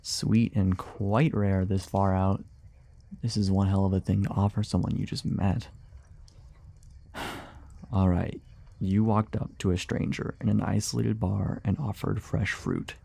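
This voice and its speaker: Here a man acts out a weary monster hunter for fantasy ASMR, with a deep, dark, mellow voice full of gravel and little movement in pitch. Unhurried and exaggerated, he mutters and hesitates, grumbling sarcastically while staying guarded but chatty. He comes across as amused yet wary.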